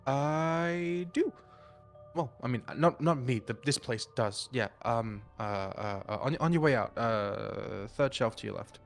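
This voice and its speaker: A flustered, scatterbrained scholar who lives in a mess of books and blankets, stammering and rambling from one half-thought to the next, as a man puts him on in a raised voice. The voice sits higher than an everyday speaking voice. Soft music plays underneath. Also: a little slow, vocal fry.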